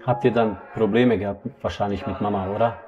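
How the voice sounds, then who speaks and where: A man interviewing a guest, asking gentle, encouraging questions. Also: fairly low pitch, steady tone, fast, muffled recording, faint music behind.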